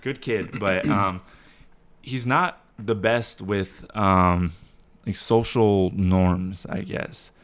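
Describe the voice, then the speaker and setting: A man's voice: deep voice, extremely slow. A young man co-hosting a podcast, telling a story in a loose, rambling way full of fillers. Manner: rambling, lots of "like" fillers, laughs through his story. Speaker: podcast co-host. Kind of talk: casual storytelling chat.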